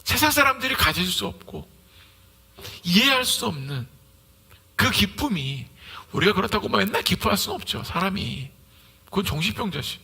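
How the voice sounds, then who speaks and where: A male pastor preaching a Sunday sermon in a lively way, acting out everyday conversations as he goes. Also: high voice, normal speed, gravelly, long pauses.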